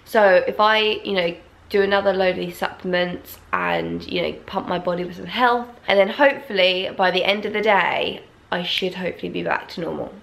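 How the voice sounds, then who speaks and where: A young woman with a slight croak from a cold, chatting upbeat in a casual vlog. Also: fairly low pitch, moderate pace, a bit bright. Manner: chatty and upbeat, fillers like "like" and "you know". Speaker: vlogger.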